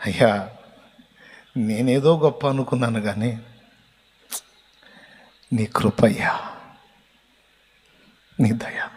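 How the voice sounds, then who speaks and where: A preacher voicing a humbled man who prays quietly for forgiveness. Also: mid-range voice, drawn-out words, pauses often, slightly rough. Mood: repentant. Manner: soft, hushed, repentant prayer. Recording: long hall reverb.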